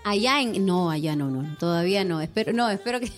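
A young Peruvian woman with a Lima accent, talking easily as a guest on an interview show. Her voice sits a little low for a woman, and she laughs readily and keeps checking in with her listener. Faint music plays under the talk. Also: lively intonation, a little fast. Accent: Peruvian Spanish, Lima. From Peru, born in Lima. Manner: chatty, laughs often, tag questions. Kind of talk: casual interview chat.

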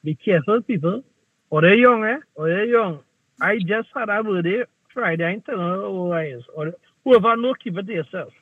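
A man with a high, husky voice hosts a casual talk show, teasing his co-hosts playfully in Caribbean English phrasing. He speaks fairly quickly, with no room sound, over a tinny, phone-like line.

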